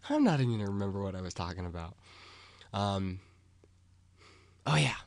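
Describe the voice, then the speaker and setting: A young man talking in a rambling, casual monologue. He gets excited, loses his train of thought and swears freely. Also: on the low side, normal speed, gravelly, dry recording.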